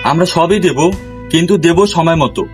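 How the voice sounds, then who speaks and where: A boastful, shady man who barks orders and blusters , played by a male comedian. His speech sits high in pitch. A music bed runs under the sketch throughout. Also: natural voice. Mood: bossy. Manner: blustering, bossy, quick to threaten. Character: boastful shady adult man, self-styled humanitarian.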